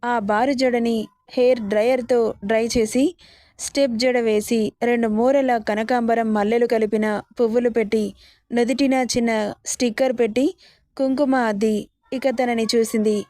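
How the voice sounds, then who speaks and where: A woman narrates a romance story in a steady, plain reading voice. Her voice sits somewhat high and the sound is dry and close, with no room echo. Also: moderate pace.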